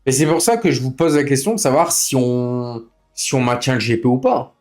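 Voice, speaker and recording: On a live gaming stream with soft background music, a racing league organizer gripes casually to fellow players, using slang and repeating himself. His voice sits in the mid-range, slightly mellow, at a moderate pace.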